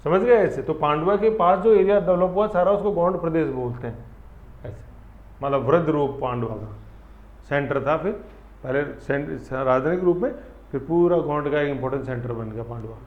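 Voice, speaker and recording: A man teaching an exam-prep class, lively and full of memory tricks, often checking that students follow. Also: fairly high pitch, moderate pace. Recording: roomy, dull lo-fi classroom sound.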